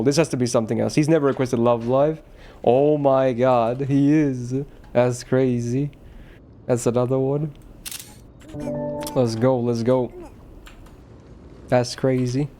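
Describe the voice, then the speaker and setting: A man's voice: medium pitch, fairly even intonation, moderate pace, mellow. A male streamer chatting casually with his viewers, loose and rambling, often laughing and swearing.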